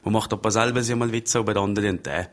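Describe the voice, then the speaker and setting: A man with an Upper Valais Swiss German accent speaks as a guest on a radio interview, answering in easygoing, rambling stories. His voice is very deep and low throughout. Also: steady tone, quick pace. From Upper Valais, Switzerland. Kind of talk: conversational interview.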